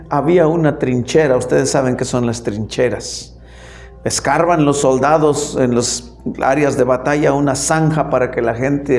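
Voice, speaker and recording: Man, lay pastor, sermon, higher voice, emphatic storytelling, echoey church hall. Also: gravelly. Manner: storytelling, emphatic, shifting loud and soft.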